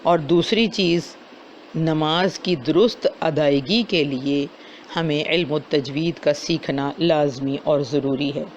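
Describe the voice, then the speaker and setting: A man giving a lesson on correct recitation, stopping to sound out words slowly as examples. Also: on the high side. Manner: slows down to demonstrate correct pronunciation. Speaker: Quran recitation teacher. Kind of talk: explanatory lesson with demonstrated recitation. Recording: dull lo-fi recording with faint noise.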